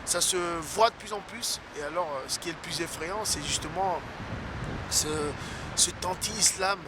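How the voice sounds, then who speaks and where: A man from West Africa speaking earnestly in a documentary interview, his voice a bit higher than usual for a man. He pauses often on fillers. Clear traffic noise hums behind him. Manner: earnest, hesitant with many fillers.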